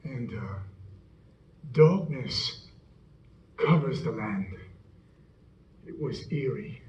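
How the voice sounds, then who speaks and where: Earnest Roman centurion played by a man, eyewitness monologue, slow and halting, dull echoey stage sound. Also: mid-range voice, expressive, a little mellow, slight background noise, voice pushed down. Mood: awed. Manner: halting, stammering retelling. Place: church hall. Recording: echoey hall, dull sound, faint music.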